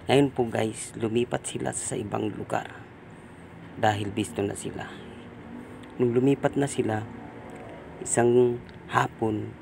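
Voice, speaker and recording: A man, telling a ghost story to his vlog viewers in a plain, unhurried way, often starting again with the same filler word. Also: fairly low pitch, creaky, slight background noise. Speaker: vlogger.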